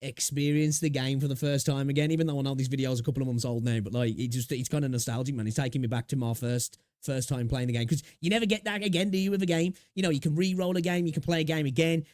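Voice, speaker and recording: A man's voice: medium pitch, fast, hardly any pauses, a little mellow, no room sound, clean studio sound. A man giving casual, rambling reaction commentary on a game video, repeating himself and adding tag questions.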